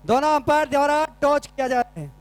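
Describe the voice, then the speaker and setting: A man's voice: very high-pitched, animated, fairly quick. A man making informal announcements at a sports ground, calling people over as event announcer.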